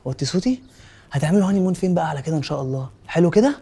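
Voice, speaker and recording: An excitable jealous young husband. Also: male voice, extremely high pitch. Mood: angry. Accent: Egyptian. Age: young adult. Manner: loud and fast, shouting threats. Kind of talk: Egyptian TV comedy acting.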